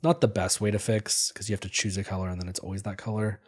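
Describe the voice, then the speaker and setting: A man's voice: fairly low pitch, fast talker, slightly rough. A man with a congested, nasal voice from a cold, casually recapping his card game deck for his video audience with lots of fillers. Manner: relaxed, filler-heavy, upbeat. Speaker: gaming video creator.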